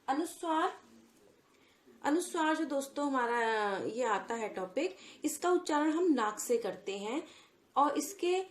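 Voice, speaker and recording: Female teacher explaining sounds in a lesson, slightly high-pitched, echoey room. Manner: repeats words and sounds slowly, addresses viewers as friends. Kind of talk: explaining Hindi grammar lesson.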